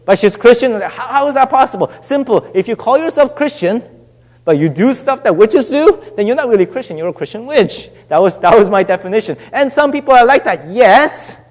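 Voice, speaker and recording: A young male pastor preaches in a church hall, and long reverb trails after each phrase. His voice sits high for a man. He talks loosely and conversationally, restarting and filling gaps as he goes. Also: lively intonation, darkish tone. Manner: conversational, halting with many restarts and fillers. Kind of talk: sermon. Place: church sanctuary.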